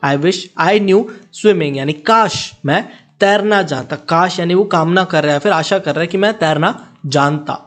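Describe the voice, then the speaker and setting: A man teaching English vocabulary in Hindi. He spells each word and says each example sentence slowly, then explains it quickly. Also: on the high side, faint music behind.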